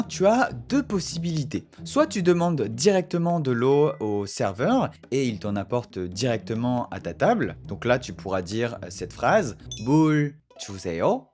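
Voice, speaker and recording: A man's voice: mid-range voice, a little mellow. A man giving a casual video lesson in French on Korean restaurant phrases, modelling short Korean lines. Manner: acts out little restaurant scenes, playing both customer and waiter. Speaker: Korean language teacher. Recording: faint background music.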